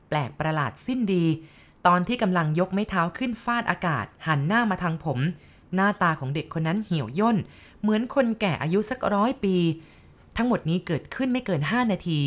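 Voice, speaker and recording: A woman with a fairly low voice reads a ghost story aloud. Her delivery is measured and unhurried, in the style of scripted narration.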